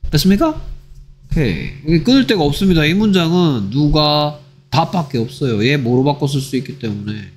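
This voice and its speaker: A man with a somewhat high voice teaches an English exam-prep lesson in Korean. He reads English sentences aloud, then breaks them down with rapid rhetorical questions. Faint music plays underneath. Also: sing-song. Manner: switches between Korean and read-aloud English.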